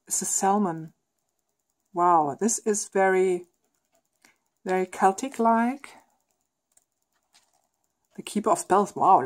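A woman's voice: mid-range voice, darkish tone. Enthusiastic woman unboxing a tarot deck. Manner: enthusiastic, gushing over artwork. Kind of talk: casual unboxing chat, reading aloud.

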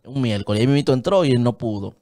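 Speaking rapid-fire in an animated, dark-toned voice of medium pitch, this Dominican-accented man in his thirties chats casually as a guest in a small padded radio studio. He is earnest and gestures a lot, with headphones on and a desk-stand studio mic in front of him.

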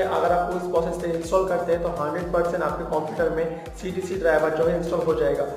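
A man's voice: on the high side, warm tone, echoey room, long reverb tail. A man hosting a tech channel, walking viewers step by step through a computer driver install. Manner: step-by-step explaining. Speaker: tech tutorial host. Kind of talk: screen-recorded tutorial.

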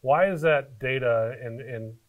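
A middle-aged man hosting a fishing podcast, asking relaxed, casual interview questions in an indoor tackle shop. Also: medium pitch, unhurried, phone-quality sound.

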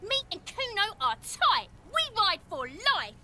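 A woman's voice: extremely high pitch, big pitch swings, unhurried, background noise, exaggerated voice. A woman voicing a feral, menacing street girl in a video game who shrieks frantic threats. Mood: shrieking.

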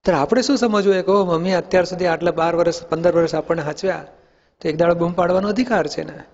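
Here a spiritual teacher with a high, fast, somewhat mellow voice leads young people in a Q&A talk. Patient questioning and everyday examples shape his approach, and the audio is dull with the echo of a hall.

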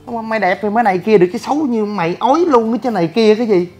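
A man's voice: high-pitched, very fast, darkish tone, faint music behind. A young man, talking bluntly and brashly in a rambling livestream monologue. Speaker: gym owner and online personality.

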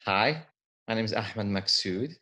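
A man's voice: on the low side, lively intonation, measured pace, bright, forceful tone. An American actor chatting casually and animatedly on a video call from his home. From United States. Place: home room, indoors.

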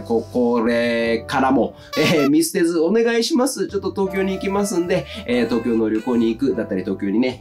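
A man in his thirties with an Okayama accent, chatting casually to camera with folksy, old-man-like turns of phrase. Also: fairly low pitch. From Okayama, Japan. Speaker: vlogger. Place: small furnished room at home, indoors.

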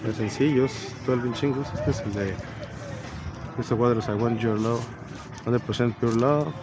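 In a mid-range voice at a measured pace, a male vlogger in his thirties rambles through a casual walk-and-talk at an outdoor swap meet, listing the items he spots. He records on an action camera, either handheld or mounted on his body.

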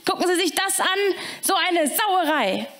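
A woman playing a shrill, indignant school caretaker. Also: very animated, normal speed, fairly bright tone, heavily acted. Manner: high-pitched, scolding, exasperated. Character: flustered, indignant middle-aged male school caretaker.

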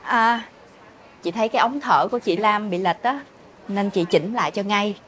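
A woman, played by an actress, speaks hesitantly. She has a mid-pitched voice and pauses on fillers. Faint room noise sits behind her. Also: fairly bright tone, natural voice. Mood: evasive. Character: evasive woman making excuses to leave.

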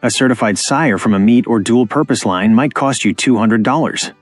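A man narrates for a farming channel, giving emphatic instructions on farm breeding in a scripted voice-over. He has a mid-range voice with a breathy edge and a moderate pace, captured dry and close with no room sound and faint music.

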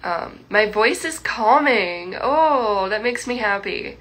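Chatting casually with viewers over a phone livestream from home, a young woman rambles and laughs, full of likes and restarts. She speaks slowly at a medium pitch, animated and a bit bright.

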